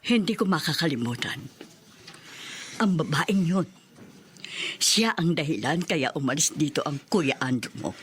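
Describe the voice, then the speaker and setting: A woman's voice: deep voice, animated, measured pace, long pauses. An actress playing a bitter, grieving, plaintive older mother in old radio show acting. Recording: noisy background ambience.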